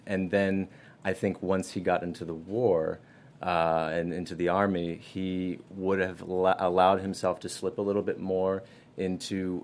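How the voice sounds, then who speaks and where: Deep-voiced relaxed man guest. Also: slight background noise. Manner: relaxed, rambling, chatty with fillers. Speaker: guest actor. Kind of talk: casual interview.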